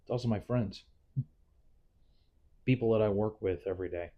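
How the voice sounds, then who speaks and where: Low, mellow man in a casual ramble. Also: moderate pace. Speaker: nurse and paramedic giving advice. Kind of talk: casual reflective monologue, ranting vlog.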